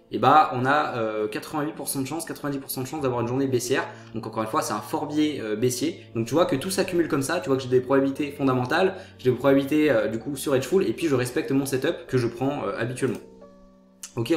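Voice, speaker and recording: Fast-talking man, roomy sound, faint guitar. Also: mid-range voice. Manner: casual, addresses viewer as "tu", many "euh" hesitations. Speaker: trading channel host. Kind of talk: live trading walkthrough.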